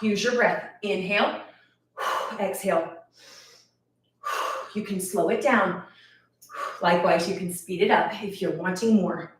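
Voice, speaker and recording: Winded fitness instructor in echoey room. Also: female voice, medium pitch, measured pace, long pauses, recorded from a distance. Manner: encouraging, counts reps aloud. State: out of breath. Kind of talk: live workout instruction.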